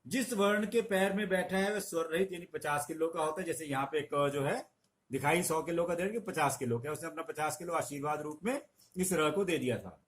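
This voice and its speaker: A man's voice: on the high side, brisk, a bit bright. Patient Hindi teacher man. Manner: patient, explains with stories and examples. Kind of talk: spelling lesson.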